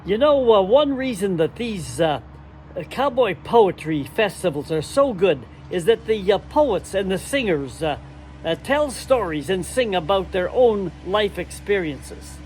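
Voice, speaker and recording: A man presenting songs in spoken introductions, halting often with drawn-out hesitations. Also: sits high, sing-song, a little mellow, soft background music. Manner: halting, with frequent long hesitations and "uh".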